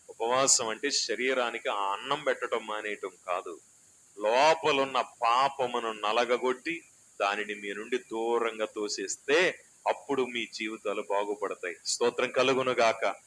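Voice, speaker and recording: A pastor preaching a sermon in a small church hall, shifting between loud exhortation and soft, chatty asides. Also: male voice, medium pitch, measured pace, slight background noise.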